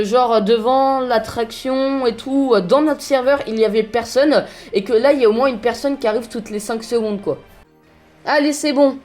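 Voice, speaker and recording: A woman giving casual gameplay commentary, chatty and hesitant, filling pauses with lots of fillers. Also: high voice, a little mellow.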